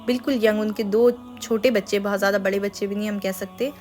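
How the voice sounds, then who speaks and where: A woman hosting her own channel, telling a personal religious testimony in an earnest, confiding, unhurried way. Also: mid-range voice, fairly even intonation, a little mellow, soft background music. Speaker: channel host.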